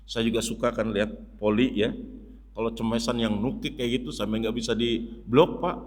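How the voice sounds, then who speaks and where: A man giving a mosque sermon in a lively, joking way, often turning to his listeners and acting out shouts. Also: mid-range voice, moderate pace. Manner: lively, jokey, addresses listeners as "Pak", acts out shouts. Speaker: Islamic preacher. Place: mosque hall. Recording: long reverb of a hall.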